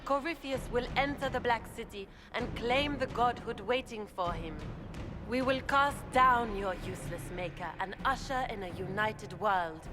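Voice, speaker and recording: A woman's voice: fairly high pitch, normal speed, over music, close to an everyday voice. A woman playing a haughty, condescending aristocratic villainess in a video game, speaking theatrically. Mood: grandiose, scornful. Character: haughty, smug aristocratic villainess, zealous schemer. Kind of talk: video game dialogue acting.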